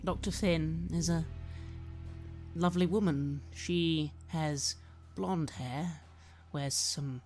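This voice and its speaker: Stammering, anxious woman in role-play. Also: lowish voice. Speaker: player.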